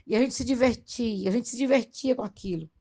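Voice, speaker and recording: A woman's voice: fairly high pitch, a little fast, warm tone. A Brazilian woman giving a spoken religious testimony, telling her story earnestly with many restarts and pleading with listeners. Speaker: testimony giver.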